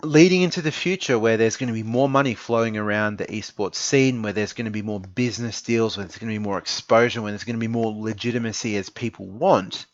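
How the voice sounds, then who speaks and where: A twenty-nine-year-old Australian man who creates esports content delivers an informal opinion piece. His voice is lowish and fairly quick with hardly any pauses, recorded dry and lo-fi. He comes across as earnest and emphatic, repeating phrases to drive his points home.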